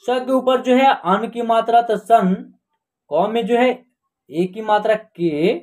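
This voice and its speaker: A man hosting an online reading lesson, spelling words out slowly sound by sound and often checking that the viewer is following. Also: high-pitched, darkish tone. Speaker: online Hindi teacher and channel host. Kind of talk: slow classroom lesson, spelling out words syllable by syllable.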